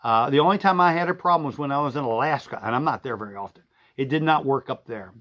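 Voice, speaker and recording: A man's voice: medium pitch, fast, fairly bright tone. A middle-aged man who runs a shop, chatting casually and folksily on a live stream, with lots of fillers and restarts. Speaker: sewing and vacuum shop owner. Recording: dull lo-fi stream audio.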